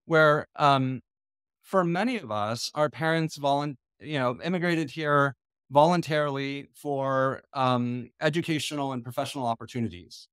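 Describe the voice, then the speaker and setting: Speaking from a small indoor room through a video call webcam, a middle-aged man from the United States delivers an online conference lecture and guides a discussion. His voice is medium-pitched, smooth, and fairly bright. He's deliberate and reflective, pausing on ums and starting sentences over, and the sound is close and dry without room echo.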